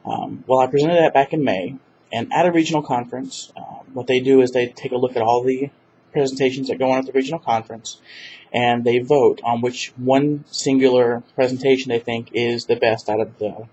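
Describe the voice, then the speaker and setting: A man chats through a video diary, wandering off track and full of ums and restarts. His webcam audio sounds dull and lo-fi, with a faint hiss underneath. His pitch sits in an ordinary middle range. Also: darkish tone. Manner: rambling with many fillers and restarts. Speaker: vlogger.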